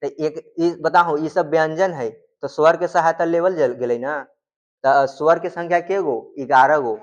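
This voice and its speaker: A man's voice: a little high, fairly even intonation, measured pace, dull audio. A man teaching in a classroom-style lecture, asking questions and answering them himself, and drawing out sounds to demonstrate them.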